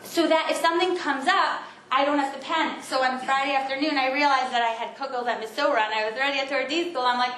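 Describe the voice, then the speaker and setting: A woman in her thirties giving an informal class to a group of women, telling stories in a chatty way with quick asides. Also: high voice, fairly even intonation, a bit bright. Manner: chatty storytelling, fast asides, self-interrupting. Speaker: class speaker. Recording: roomy echo with faint background noise.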